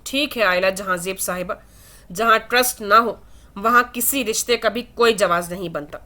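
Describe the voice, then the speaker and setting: A woman's voice: medium pitch, pushed and bright, close to an everyday voice. A woman voicing Hadid, a stern young male officer who speaks harshly and sarcastically, in a read-aloud novel. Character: stern angry young man, air force officer.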